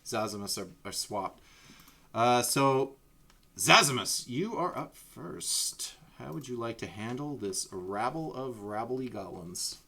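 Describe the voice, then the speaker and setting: A man's voice: medium pitch, lively intonation, a little slow, pushed and bright. A man running a tabletop session as dungeon master, narrating loosely. He talks in a casual, rambling way, circling back over his own words with plenty of fillers. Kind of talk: running a live tabletop game.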